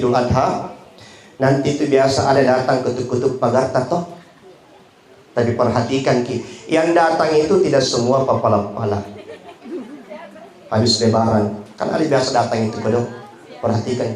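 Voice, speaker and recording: A man's voice: medium pitch, a little mellow. A man with a Makassar Indonesian accent giving a humorous sermon at a memorial gathering, telling stories and mimicking other people's voices. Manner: jokey storytelling, acting out other voices. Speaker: preacher. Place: memorial gathering in a market complex. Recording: roomy hall with laughing audience.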